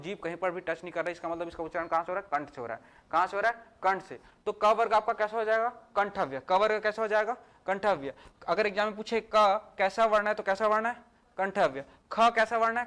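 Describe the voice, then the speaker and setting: Sounding letters out slowly and individually, a male teacher works through exam grammar, asking and then answering his own questions. He has a high voice with a fairly bright tone.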